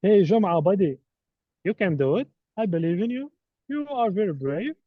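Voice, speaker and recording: A native Arabic-speaking man teaches an online course, running a live quiz in a playful, teasing manner. His voice is high, with lively intonation and a moderate pace. The online call audio is dull and dry, with no room sound.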